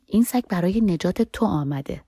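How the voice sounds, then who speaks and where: A woman's voice: on the low side, expressive, warm tone, slightly rough, no room sound, studio quality. A woman voicing a playful young man friend. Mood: teasing.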